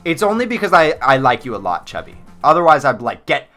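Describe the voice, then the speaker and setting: A male streamer chats with viewers in a goofy, playful manner, his pitch swinging a lot. His voice is bright and sits a little high, with soft music underneath. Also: very animated, quick pace. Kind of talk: casual livestream chat.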